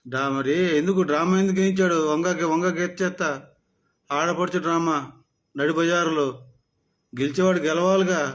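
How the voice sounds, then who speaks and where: A man's voice: a little high, fairly even intonation, brisk, long pauses, fairly bright tone. A man delivering a mocking, scolding political rant aimed at a rival. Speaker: political commentator.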